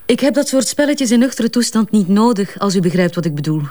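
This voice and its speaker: A woman plays a self-assured Flemish advertising strategist in a crime drama, answering police briskly and candidly with small hesitations. Pressed, she grows defensive, defiant and frank, yet her medium-pitched, animated, dark voice stays natural, close to how she'd normally talk.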